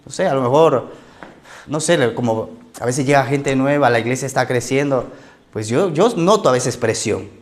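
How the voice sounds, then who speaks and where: A man's voice: medium pitch, moderate pace. A male pastor, preaching in a conversational sermon style and often checking in with "¿ok?".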